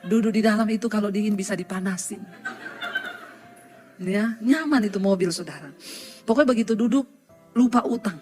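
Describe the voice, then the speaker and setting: A woman's voice: mid-range voice, brisk, pauses often, a little mellow, faint music behind. A woman pastor giving a sermon before a live congregation, telling a personal story, joking, laughing and often speaking straight to her listeners.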